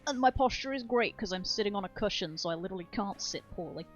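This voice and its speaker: A woman's voice: medium pitch, lively intonation, fast talker, highs cut off, soft background music. A woman streamer chatting casually and rambling enthusiastically about speedrun details, swearing freely. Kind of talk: casual game-stream chat.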